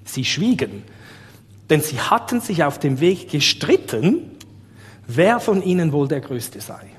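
A preacher with a Swiss German accent gives a lively sermon in a fairly high voice, speaking a little slowly. He keeps asking his audience rhetorical questions, one after another, and his voice rings with a long hall reverb.

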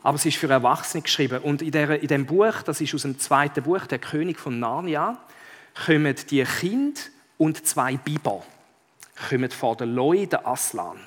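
Preacher in a reverberant hall. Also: male voice, on the high side, expressive, moderate pace, slightly rough. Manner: conversational, addresses listeners directly with questions. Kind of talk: sermon with read-aloud story passage.

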